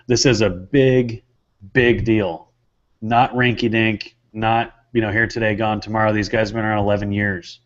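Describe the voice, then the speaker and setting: A man with a lowish voice delivers a conversational sales pitch. He sounds earnest and emphatic, pausing to clear his throat. The recording is dull and lo-fi. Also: fairly even intonation. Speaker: business promoter, co-presenter.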